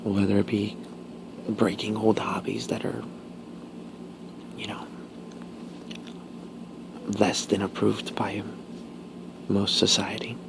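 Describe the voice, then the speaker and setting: A man whispering casual ASMR talk while chewing gum, pausing between short, halting phrases. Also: on the low side, flat delivery, creaky, noisy background. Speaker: ASMR video creator.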